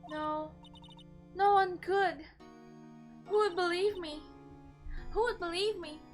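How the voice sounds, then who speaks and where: A woman's voice: very high-pitched, slow, faint music behind, voice pushed up. Woman playing a stammering frightened young woman. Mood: despairing. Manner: stammering, breathless, pleading.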